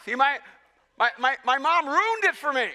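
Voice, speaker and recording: A man from El Salvador preaches with a very high, sharply bright voice that bounces into a long hall reverb. He is animated and self-mocking, and he often trips over his words and restarts. He sounds like a pastor in the middle of a sermon. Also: normal speed.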